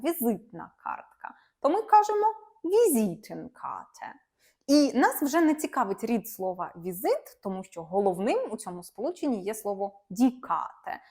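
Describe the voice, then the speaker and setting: A young woman walks her viewers through a grammar rule with emphatic, playful explanations. Her voice sits a little high and rises and falls a great deal as she stresses each example. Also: darkish tone. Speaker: German language teacher.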